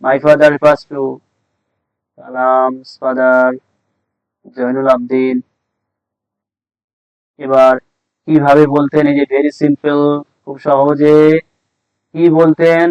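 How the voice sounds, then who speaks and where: A man's voice: fairly high pitch, level tone, slow, long pauses, darkish tone, clear, resonant tone, no echo, poor audio. A male teacher explaining an English text in a lesson, asking questions and answering them himself, repeating key words. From Bengal.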